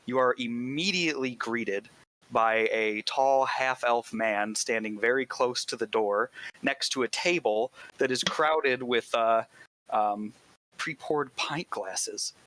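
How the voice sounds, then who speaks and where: A man's voice: medium pitch, slow, a bit bright. A man narrating as game master in a loose, rambling casual way. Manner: loose, rambling, laughing asides.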